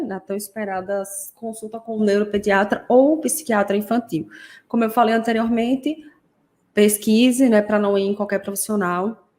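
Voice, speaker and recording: A woman hosting a podcast who explains things in a relaxed way. She often adds tag questions and acts out short examples. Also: on the high side. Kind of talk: casual explanatory podcast talk.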